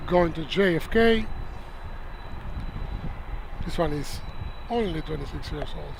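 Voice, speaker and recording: A man's voice: fairly high pitch, lively intonation, slow, vocal fry, background noise. A man hosting a plane spotting livestream, chatting casually to viewers in live commentary.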